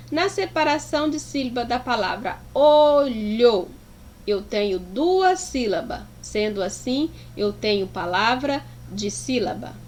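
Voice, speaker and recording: A woman's voice: fairly high pitch, slight background noise. A woman teacher explaining a lesson to pupils, affectionate and sounding out words syllable by syllable. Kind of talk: slow, deliberate classroom explanation.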